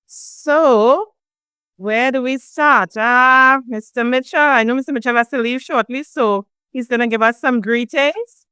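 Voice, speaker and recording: A woman hosting a program, effusive and warm, thanking family and sponsors. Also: high-pitched, unhurried, smooth, dry recording, studio quality. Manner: warm, effusive, repeats "amazing". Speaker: foundation founder hosting a program. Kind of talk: welcoming host remarks.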